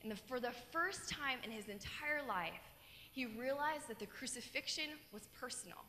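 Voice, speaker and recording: A woman's voice: fairly high pitch, normal speed, a little hiss or hum. A young woman from Colorado giving a keynote testimony on stage, telling her story earnestly into a handheld mic. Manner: earnest storytelling, animated gestures. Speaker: keynote speaker. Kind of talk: personal testimony talk. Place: large dark stage in an auditorium. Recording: long hall reverb.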